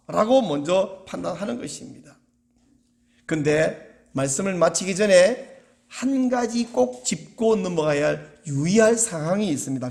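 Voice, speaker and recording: Middle-aged male pastor delivering a sermon, high voice with big lively swings in pitch, acts out the lines he quotes. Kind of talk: Sunday sermon.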